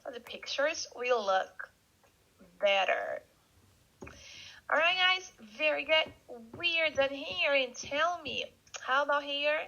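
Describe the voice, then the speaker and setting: High-voiced woman teaching English slowly. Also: lively intonation, pushed and bright. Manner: slow, repeats words for learners to echo. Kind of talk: online English vocabulary lesson. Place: Canada. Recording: dull lo-fi recording.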